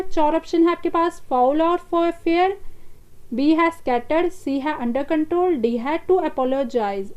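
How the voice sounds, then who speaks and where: High-voiced Indian woman teaching vocabulary. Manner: explains in Hindi, reads English options slowly. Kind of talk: exam-prep vocabulary lesson.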